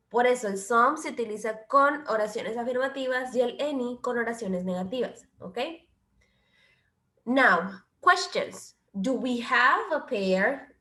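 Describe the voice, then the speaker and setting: A woman's voice: a little high, a bit bright. Woman teaching English grammar, echoey room. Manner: explains slowly, switching between Spanish and English, checks understanding. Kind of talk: bilingual grammar lesson.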